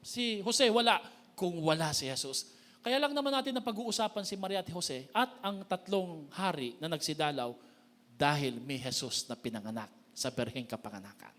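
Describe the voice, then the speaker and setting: Male Filipino pastor, Filipino accent, lively sermon delivery, high-pitched and bright. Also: normal speed. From Philippines. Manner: lively, joking, calls on the congregation.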